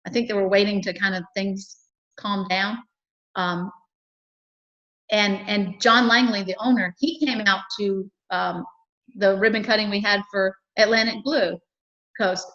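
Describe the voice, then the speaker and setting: A woman's voice: medium pitch, a bit bright, dull audio. A woman from a chamber of commerce, talking earnestly and cheerfully in a local cable TV interview, with lots of fillers and restarts.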